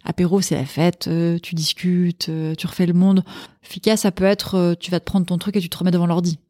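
A woman's voice: on the low side, a little fast, no room sound, clean studio sound. A middle-aged woman from Sweden, a podcast guest and cookbook author, chatting casually and with enthusiasm. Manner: enthusiastic, animated storytelling. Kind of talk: casual chat.

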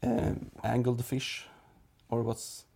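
Gravelly, husky Swedish man joking. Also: mid-range voice, completely flat delivery, slow pace, warm tone. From Sweden. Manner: laughs often, joking. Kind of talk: casual chat.

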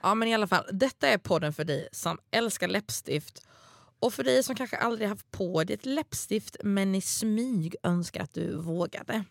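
A woman's voice: mid-range voice, lively intonation, gravelly, dry recording, clean studio sound. A middle-aged woman from Småland who speaks with a Stockholm accent, chatting casually and playfully as a podcast co-host. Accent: Stockholm Swedish. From Småland, Sweden. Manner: playful, babbling, informal.

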